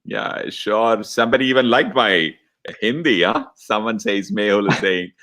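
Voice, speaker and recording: A man in his fifties with a Malayali accent from India, hosting a casual live chat in a halting, jokey way. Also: on the low side, sharp tone. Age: 50s. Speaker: webinar host reading viewer comments.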